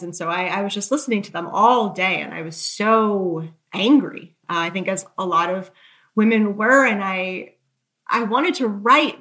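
Her voice sits at a medium pitch with a slightly bright quality. Being interviewed about her work as an author, she shares anecdotes in a candid, conversational way, hedging loosely and poking fun at herself.

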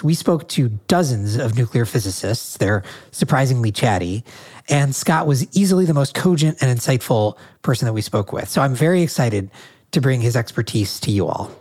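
A man's voice: medium pitch, lively intonation, fairly quick, a little mellow. Nasal-voiced man hosting a podcast. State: nasal from a cold. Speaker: podcast host. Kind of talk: podcast interview.

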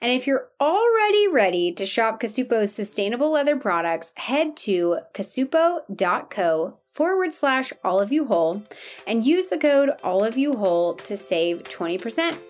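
A woman's voice: on the high side, sing-song, moderate pace. A woman hosting a podcast, bubbly and enthusiastic, gushing as she reads her intro and interviews a guest. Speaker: podcast host.

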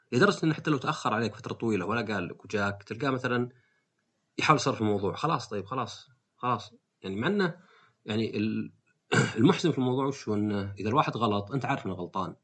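A man hosts a podcast, talking through his ideas in a loose, thinking-aloud monologue, often restarting his sentences. His voice is low and husky. He speaks at a very rapid clip. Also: a bit bright. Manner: thinking aloud, frequent fillers and restarts, slips into quoted voices. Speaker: podcast host. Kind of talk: casual reflective monologue.

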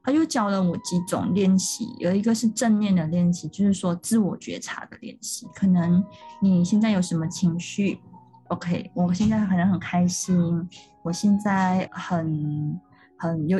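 Her voice is on the low side, mellow and slightly rough. As a podcast co-host, she works through ideas one step at a time in an earnest, explanatory, casual conversation.

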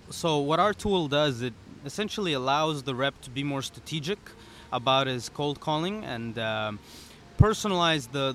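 A young man, a startup founder being interviewed on a podcast, talking in a relaxed way with many "you know"s. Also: mid-range voice, slight background noise. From Serbia, raised in the UAE. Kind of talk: casual interview. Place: pop-up studio at a conference.

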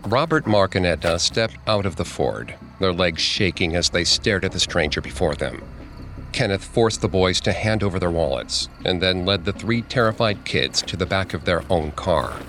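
Deep-voiced man narrating true crime. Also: lively intonation, normal speed, fairly bright tone, slight background noise. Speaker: podcast narrator.

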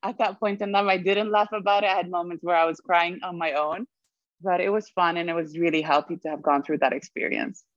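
Low-voiced woman, dry muffled audio. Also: steady tone, a little fast, no room sound. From Sweden. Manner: reflective, laughs often. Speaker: guest. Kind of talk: conversational interview.

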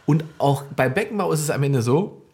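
A man's voice: fairly high pitch, expressive, brisk, mellow. A man co-hosting a podcast, chatting casually and rambling through ideas with many restarts. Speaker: podcast co-host. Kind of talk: casual chat.

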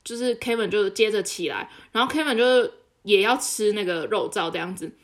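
A young woman, co-hosting a casual podcast and telling a story in a lively way, laughing often. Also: medium pitch, fairly quick. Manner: animated, laughs often while telling stories. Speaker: podcast co-host.

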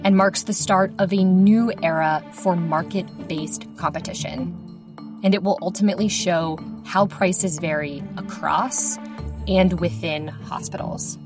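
A woman hosting a podcast, reading a scripted news roundup in a measured, clear way. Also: fairly low pitch. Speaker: podcast host.

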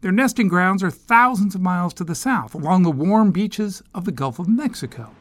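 A man's voice: sits high, animated, normal speed. A man narrating a scripted television news feature as a correspondent.

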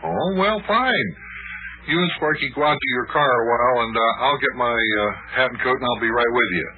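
A man's voice: medium pitch, brisk, phone-quality sound, very noisy, natural voice. A man narrating and playing a genial grown-up in an old children's radio show, reassuring and storytelling. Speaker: narrator and host.

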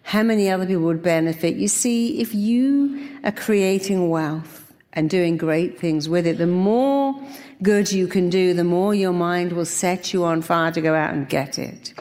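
A woman's voice: lowish voice, a little slow, a little mellow, in a large hall. A woman giving an emphatic, commanding motivational seminar speech, using short repeated phrases to lead affirmations. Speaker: motivational speaker leading affirmations. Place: large hall with an audience.

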